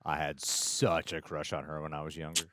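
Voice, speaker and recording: A man's voice: very deep voice, completely flat delivery, moderate pace, over loud music. A man hosting a reaction video, talking casually and reading a sponsor plug. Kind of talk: casual chat and sponsor read.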